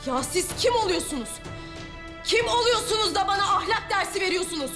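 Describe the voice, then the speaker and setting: An actress playing Zeynep, a proud young woman who stands her ground with sharp, firm words. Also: very high-pitched, expressive, a little fast, music in the background. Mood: defiant. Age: young adult. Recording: TV drama with loud score underneath.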